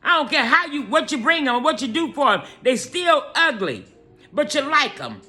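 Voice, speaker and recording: A woman hosting an inspirational morning message, exhorting listeners in a lively preachy style and calling them "y'all" and "honey". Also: sits high, moderate pace, faint music behind. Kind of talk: preachy motivational talk.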